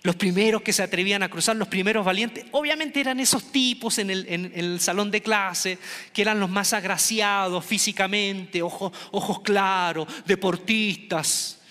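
A middle-aged man from Chile tells a funny story on stage, animated and acting out the voices of everyone in it. His voice sits high and bright, with a forceful edge. It rings out with the long reverb of a big hall. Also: moderate pace. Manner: animated, acts out quoted voices. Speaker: stand-up comedian. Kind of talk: comic storytelling to an audience.

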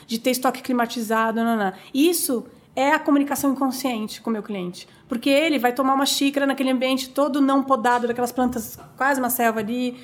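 A woman talking as an interview guest, telling stories in an animated, chatty way with lots of fillers and restarts. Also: high-pitched, fast, few pauses. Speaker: guest, coffee business owner. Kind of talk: conversational interview storytelling.

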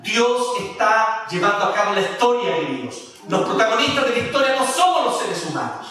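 A pastor preaching a sermon, animated, with emphasis that rises and drops. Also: male voice, high-pitched, moderate pace. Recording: echoey room from a distance.

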